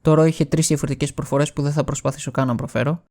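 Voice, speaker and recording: Male narrator from Greece, scripted, wry and explanatory, slightly high, mellow. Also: steady tone. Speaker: video essay host.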